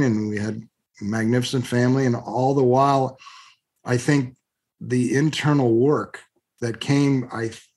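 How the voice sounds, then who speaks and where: Middle-aged man, interview guest, blunt, animated storyteller, mid-pitched voice. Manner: animated, blunt storyteller who acts out both sides of an argument. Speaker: guest, real estate investor.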